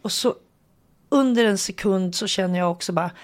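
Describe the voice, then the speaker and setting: A middle-aged woman co-hosting a casual chat, emotional and excitable, laughing easily. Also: medium pitch. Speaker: co-host.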